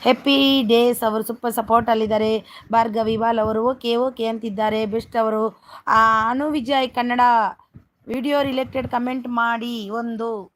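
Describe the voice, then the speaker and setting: Woman live-stream host on a phone, slightly higher voice, chatty, names viewers and asks for likes. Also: steady tone, normal speed. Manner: reads out viewer comments, greets each viewer by name, keeps asking for likes. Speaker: livestream host. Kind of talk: casual live-stream chat.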